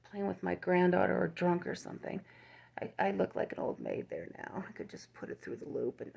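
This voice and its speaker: This older crochet YouTuber has a creaky voice on the low side, recorded with the highs cut off. She rambles casually as she displays her work, chatting, restarting and laughing.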